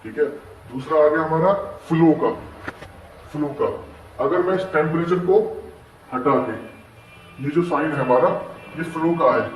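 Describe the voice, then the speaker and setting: A man teaches in a patient, step-by-step manner, often pausing to check that his listeners follow. His voice sits a bit high for a man. He is a little away from the mic in an echoey room with faint background noise. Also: recorded from a distance. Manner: patient, checks understanding with repeated questions. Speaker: instructor explaining dashboard warning signs. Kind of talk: classroom-style explanation.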